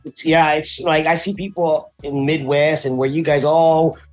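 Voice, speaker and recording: A man's voice: a little high, steady tone, moderate pace, soft background music. A man from Hawaii, a custom painter and tattoo artist, telling his story as a guest in a casual interview. He talks in a laid-back, slangy way, with lots of fillers as he drifts from one point to the next.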